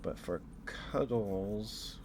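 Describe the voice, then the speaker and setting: This streamer and host, a man with a deep voice, murmurs very slowly through a laid-back ASMR stream. His talk meanders with hesitations, and steady background noise never lets up.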